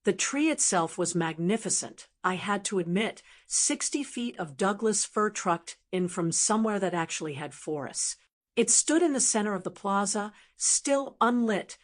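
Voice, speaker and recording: A woman reading a first-person story aloud in a wry, cynical tone. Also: mid-range voice. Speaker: narrator. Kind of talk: first-person audiobook narration.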